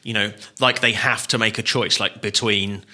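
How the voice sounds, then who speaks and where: A man's voice: fairly low pitch, fairly even intonation, normal speed, pushed and bright. A man co-hosting a podcast, chatting in a dry, joking, easygoing way. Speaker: podcast co-host. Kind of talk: casual podcast chat.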